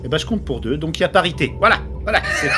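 A man's voice: on the high side, lively intonation, rapid-fire, music in the background. A man hosting a live podcast event over a voice call, jokey and self-mocking. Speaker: podcast host and jury president. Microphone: voice call over Discord.

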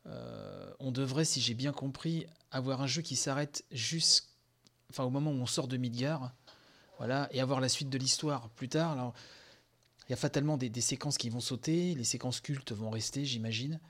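A podcast host with a mid-range voice and moderate pace reacts live to a game conference, excitable and gushing. He uses many fillers and sighs, worn out from sleepless nights.

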